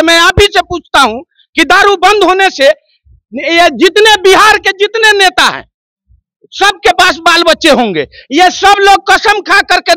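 A man, ranting loudly and forcefully in a street interview and accusing a politician. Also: very high-pitched, dry recording. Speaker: member of the public interviewed. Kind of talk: impassioned street interview rant.

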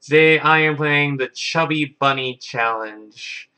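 A man's voice: fairly high pitch, takes it slowly, bright, forceful tone. A man in his twenties chatting casually to camera as a vlogger in a bedroom. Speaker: YouTube vlogger. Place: carpeted bedroom, indoors.

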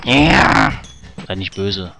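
A man's voice: sits low, expressive, extremely slow, gravelly. Muttering man narrating a game. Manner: chatty, swears and mutters at the game. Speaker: let's play gamer. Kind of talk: casual game commentary. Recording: game music behind. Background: game music.

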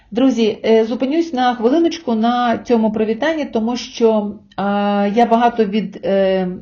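A woman giving a spoken language lesson, often calling her listeners friends and saying example words slowly and carefully. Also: a little high, warm tone, dull audio. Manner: addresses listeners as friends, with hesitation fillers. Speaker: Spanish language teacher.

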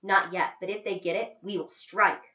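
A woman voicing a sharp-tongued, defiant teenage girl with a mocking, biting way of talking, read aloud from a book. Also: mid-range voice, fairly even intonation, normal speed, echoey room, muffled recording, close to an everyday voice. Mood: lecturing.

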